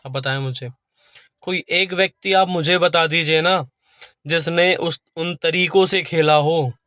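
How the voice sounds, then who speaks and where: A man's voice: a little high, a bit bright, no echo, studio quality. A man vlogging from his car, talking earnestly and pleading again and again with his viewers. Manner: pleading, repetitive, appeals to "bhai" and "dosto". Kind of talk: earnest talk to camera.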